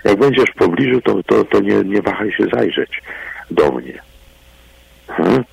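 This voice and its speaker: A man's voice: lowish voice, very animated, unhurried, gravelly, darkish tone, husky, low-quality recording. A man, an English teacher, chatting as a radio guest, telling anecdotes and laughing often. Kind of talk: radio chat. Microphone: studio microphone.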